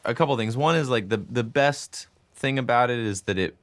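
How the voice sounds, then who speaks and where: A guest musician and composer in his twenties talks about making music in a casual interview. His medium-pitched voice is loud, and he speaks animatedly in quick bursts packed with "like" fillers.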